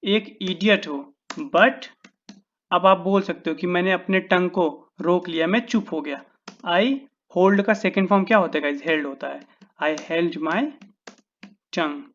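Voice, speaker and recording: Indian man, English teacher, high voice, slow deliberate delivery, slightly dull lo-fi sound. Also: fairly bright tone. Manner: slow, drawn-out example sentences, addresses viewers as guys. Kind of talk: casual spoken-English lesson.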